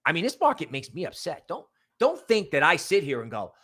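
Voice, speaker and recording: This livestream host's fairly high voice swoops wildly in pitch, bright and slightly rough, moving a bit fast. He rambles casually and with emphasis, repeating words to stress them, giving viewer shout-outs and plugging things.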